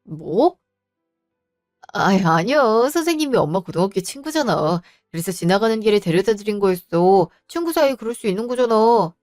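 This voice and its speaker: A woman's voice: mid-range voice, animated, moderate pace, darkish tone, faint music behind, close to an everyday voice. A woman voicing a cheating husband and father who pleads and makes excuses in a defensive, wheedling way. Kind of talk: storybook voice acting.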